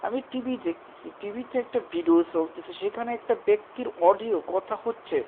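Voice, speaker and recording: A woman's voice: mid-range voice, a little fast. A woman explaining an idea to viewers in a rambling way, often restarting and searching for words. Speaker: speaker explaining a personal theory. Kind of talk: casual monologue to viewers. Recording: tinny phone-like audio with faint noise.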